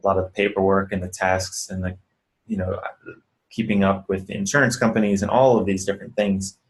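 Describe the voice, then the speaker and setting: A man's voice: low voice, little pitch movement, a little fast, rough recording. A man, a physical therapist, giving earnest, conversational advice in a casual vlog and talking the viewer through breathing. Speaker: physical therapist and clinic owner.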